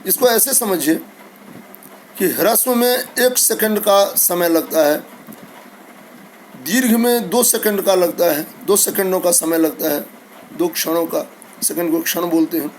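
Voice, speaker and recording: High-voiced guy teacher going slow through letters one by one, bit of hiss behind. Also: rough recording. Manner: addresses pupils warmly, sends blessings. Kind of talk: online lesson for school students.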